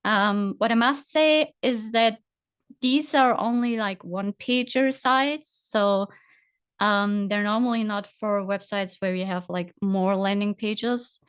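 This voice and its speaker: Woman demoing software, smooth and hesitant. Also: medium pitch, fairly even intonation, slow, no echo. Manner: hesitant, many fillers, talks through on-screen steps. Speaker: guest presenter. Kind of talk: casual screen-share tutorial.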